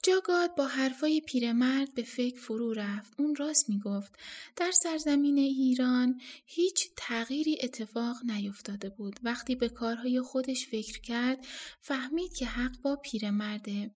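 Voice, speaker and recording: Female audiobook narrator, high voice, calm expressive storybook reading.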